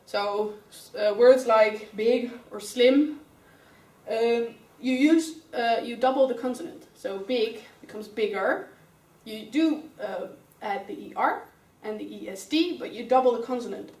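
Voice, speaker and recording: A woman's voice: on the high side, measured pace, darkish tone. A young woman with a Dutch accent, teaching an English grammar lesson step by step and calling on pupils by name. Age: young adult. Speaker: student teacher. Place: classroom. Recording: roomy classroom sound, mic far away.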